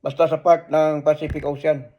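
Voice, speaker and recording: Man, slightly higher voice, earnest and halting storyteller, muffled lo-fi recording. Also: flat delivery. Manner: earnest, halting, many restarts and pauses. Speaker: storyteller recounting prophetic dreams. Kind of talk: casual first-person storytelling. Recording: dull lo-fi sound.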